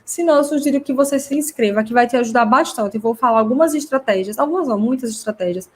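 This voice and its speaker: Casting note: woman, somewhat high voice, chatty live-class host answering viewers. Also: fast. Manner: chatty, explanatory, reads comments aloud. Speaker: host teaching parents.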